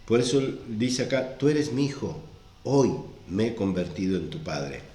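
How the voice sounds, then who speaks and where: A man's voice: fairly low pitch, expressive, a little slow, mellow. Preaching man in an echoey room. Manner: repeats and stresses verse references. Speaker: pastor. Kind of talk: sermon.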